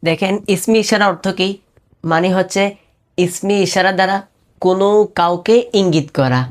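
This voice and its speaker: A patient Urdu teacher leads a beginner class step by step, her voice low and steady as she slowly repeats each term and frequently checks whether it's clear.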